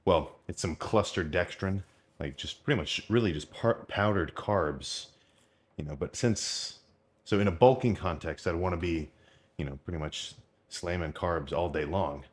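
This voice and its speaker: Very deep-voiced man vlogging casually. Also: measured pace. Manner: rambling, informal, full of slang and mild swearing. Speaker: fitness vlogger. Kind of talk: casual unscripted vlog chat about eating and training.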